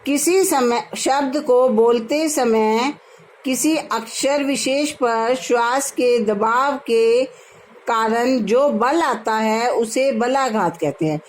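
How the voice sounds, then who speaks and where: A woman's voice: fairly high pitch, slight background noise, poor audio. A woman teacher, patiently explaining a grammar lesson to her students. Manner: slow, patient, addresses students as "beta".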